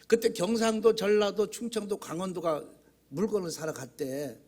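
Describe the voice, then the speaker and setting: Preaching in a church sanctuary, this pastor has a high-pitched yet darkish, steady voice at a moderate pace. He keeps it folksy and conversational, telling funny stories and posing rhetorical questions to the congregation.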